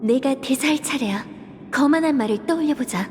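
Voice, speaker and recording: A woman's voice: high-pitched, a little fast, a little mellow, slight background noise. Reverberant, scheming young woman. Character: young female performer plotting insults in thought. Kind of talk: video game voice acting, inner monologue. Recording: long hall-like reverb.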